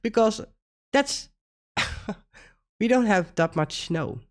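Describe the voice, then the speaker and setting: A Dutch woman from the Netherlands hosts a casual reaction video, laughing often and asking incredulous rhetorical questions. She runs a reaction channel and speaks extremely slowly, with a mid-range voice and lively intonation.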